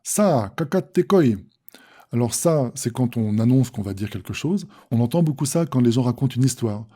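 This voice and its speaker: A man's voice: mid-range voice, fairly quick, mellow. A man teaching a lesson, reading Japanese phrases aloud and then explaining each one patiently and step by step. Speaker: language teacher. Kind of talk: explanatory lesson on manga text.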